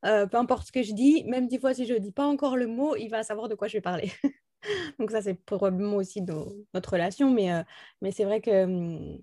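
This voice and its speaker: A woman's voice: mid-range voice, a little fast, dark tone, no echo. A French woman in casual conversation, hesitant and full of fillers, who laughs between her phrases. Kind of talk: casual chat.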